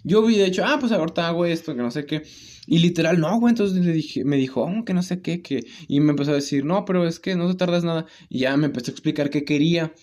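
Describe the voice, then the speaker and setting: A young man with a Mexican Spanish accent telling a story in casual chat, slangy and animated, laughing often. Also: fairly high pitch, fast.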